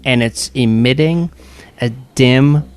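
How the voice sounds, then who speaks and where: A man's voice: medium pitch, slow, clear, resonant tone. A man improvising narration as game master of a tabletop game.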